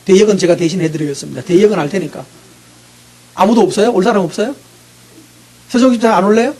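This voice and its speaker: A middle-aged male pastor preaching, quizzing his congregation with quick, teasing questions. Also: high-pitched, a little mellow, slightly rough. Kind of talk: interactive sermon.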